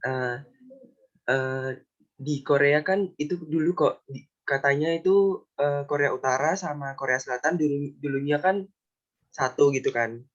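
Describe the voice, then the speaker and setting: A man's voice: a little high, measured pace. A male student hesitantly asking a question in an online session, with fillers and restarts. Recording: dull lo-fi video call audio.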